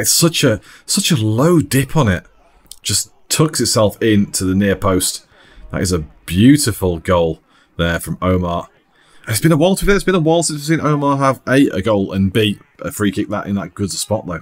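A man giving relaxed, chatty commentary over an amateur football match, often laughing. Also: on the low side, moderate pace.

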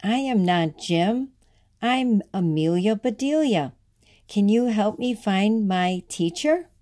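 A woman reading aloud and voicing an eager, literal-minded young schoolgirl in a raised, excited storybook voice. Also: medium pitch, slow pace. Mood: earnest.

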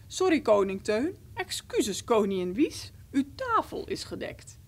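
A woman's voice: on the high side, huge pitch swings, a little slow, full character voice. A woman doing a playful storybook mother. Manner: calling out, playful. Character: friendly mother calling children in.

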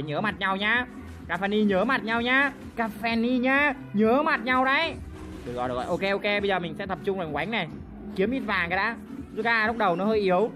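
A woman giving excitable live commentary over her mobile game play, jumping between loud outbursts and low muttering, swearing playfully. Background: game background music.

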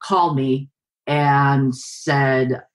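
A woman in her forties from the San Francisco Bay Area, an author and journalist answering interview questions in a thoughtful, steady way with frequent pauses, heard over a video call from her living room. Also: rumbling low. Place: home living room, indoors. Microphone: video call webcam.

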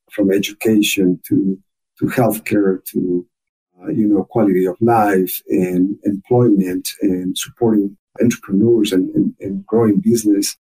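A man's voice: lowish voice, steady tone, normal speed, warm tone, slightly rough, rough recording. A man from Ecuador with a thick Ecuadorian Spanish accent, a native Spanish speaker, talking earnestly as a podcast guest, often repeating words as he restarts. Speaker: guest, chamber of commerce officer. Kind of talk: podcast interview.

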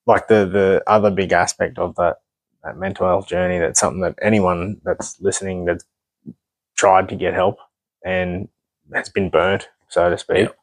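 A man's voice: low-pitched, little pitch movement, normal speed, no room sound. A young man telling his own story as a podcast guest, blunt and full of swearing, with rambling asides. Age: young adult. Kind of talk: candid personal storytelling.

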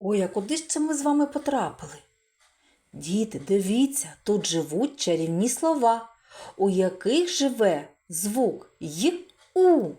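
Slow, lively-voiced preschool teacher woman. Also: mid-range voice. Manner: warm encouraging praise, stretched syllables. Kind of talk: slow, expressive children's literacy lesson.

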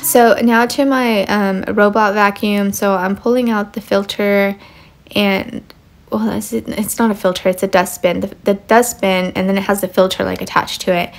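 A woman's voice: medium pitch, moderate pace, faint music behind. A mother narrating her home cleaning in a casual, rambling way with many fillers. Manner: relaxed, rambling, lots of fillers.

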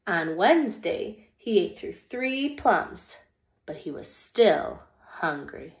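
A young woman who teaches small children reads a picture book aloud to little listeners. Her medium-pitched voice is expressive and deliberate.

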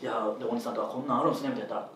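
A man telling a story on a chat show in a casual, fast way, often laughing and acting out the lines he quotes. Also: medium pitch, fairly bright tone. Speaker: comedian telling a story on a podcast. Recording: echoey room, mic at a distance, faint background noise.

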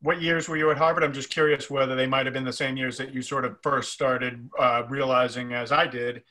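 A middle-aged man hosting a live video-call interview, introducing guests with halting, hesitant phrasing. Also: medium pitch, little pitch movement, pushed and bright. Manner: halting, many fillers and restarts. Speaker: festival program director, host. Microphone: webcam on video call.

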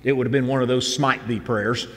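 A man's voice: mid-range voice, steady tone, a little fast, fairly bright tone, long reverb tail. A man in his fifties, a pastor giving a conversational, earnest sermon from a church stage. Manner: earnest, conversational preaching with repeated phrases.

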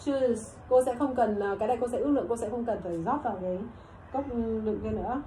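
Woman teacher, high voice, slow repeated questions, faint room ambience. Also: dark tone, a little hiss or hum, rough recording. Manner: asks the class questions and repeats measurements slowly. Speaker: English and bartending teacher. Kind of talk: classroom lesson mixing Vietnamese and English.

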